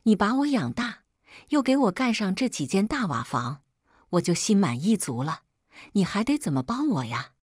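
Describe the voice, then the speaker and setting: A woman's voice: medium pitch, sing-song, normal speed, husky, no room sound, studio quality. A woman reading the lines of a grateful, emotional middle-aged farmer son in a spoken story. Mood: heartfelt. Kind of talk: read-aloud storytelling.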